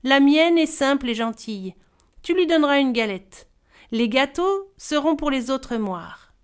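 Storybook widow, elderly and kind, read by a woman. Soft, reassuring, unhurried. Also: sits high, lively intonation. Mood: advising. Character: kind old village widow, motherly and steady.

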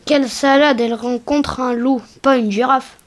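Brief: high, insistent woman correcting a storyteller. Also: steady tone, moderate pace. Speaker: co-reader. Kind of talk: children's story reading.

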